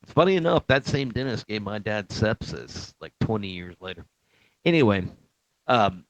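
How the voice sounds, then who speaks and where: Gravelly low-voiced man telling stories. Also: no echo. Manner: rambling, profane, chuckling. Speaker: Marine veteran recounting boot camp. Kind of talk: casual storytelling to camera. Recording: dull lo-fi, dry.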